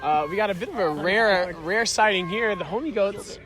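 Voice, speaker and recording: A man from North Carolina doing relaxed, joking play-by-play commentary outdoors at a sports field. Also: sits high, normal speed, music in the background. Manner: jokey, relaxed banter. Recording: loud outdoor crowd. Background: crowd noise.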